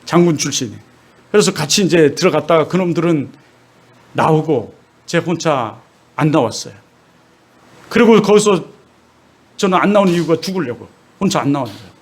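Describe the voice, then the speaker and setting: A middle-aged male pastor preaching a sermon with personal testimony, swinging between hushed and loud, emotional delivery. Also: on the high side, animated, normal speed, long pauses.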